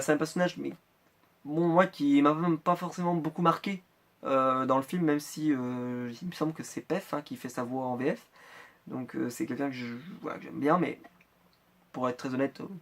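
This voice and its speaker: Chatty man rambling in an unboxing. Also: a little high. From France. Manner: chatty, rambling with many hesitations. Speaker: Funko Pop collector vlogger. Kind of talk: casual unboxing vlog.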